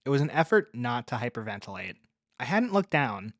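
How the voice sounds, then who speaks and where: A man narrating a story in the first person with a measured, even read. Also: medium pitch, dry recording, studio quality.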